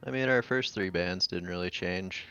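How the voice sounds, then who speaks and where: A man's voice: low-pitched, normal speed, bright, forceful tone, clean tone, no room sound, faint music behind. A male player on the winning team answering interview questions in a matter-of-fact way. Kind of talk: casual post-match interview. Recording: dull lo-fi voice call audio.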